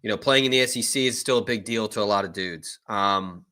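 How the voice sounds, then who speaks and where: Bright-voiced man talking college football. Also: on the low side, a little fast. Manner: opinionated, conversational, frequent fillers. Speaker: co-host, recruiting reporter. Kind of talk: casual live sports talk. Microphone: live stream remote setup.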